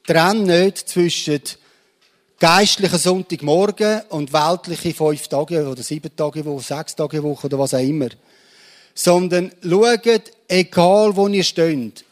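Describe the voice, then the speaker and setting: A man preaching a sermon in earnest storytelling, letting phrases sink quietly at their ends. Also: fairly high pitch.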